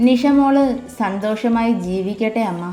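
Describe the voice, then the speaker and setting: A woman voicing a kind young man who talks to his mother calmly and reassuringly. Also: a little high, normal speed, close to an everyday voice. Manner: calm, reassuring. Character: kind young man, gentle and teasing son. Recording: echoey room with soft music.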